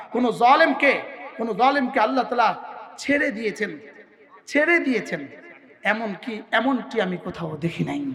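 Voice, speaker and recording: A man preaching an impassioned sermon, repeating phrases for emphasis and chanting Arabic verses slowly. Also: extremely high pitch, pushed and bright. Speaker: Islamic preacher. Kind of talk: waz sermon. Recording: echoey hall.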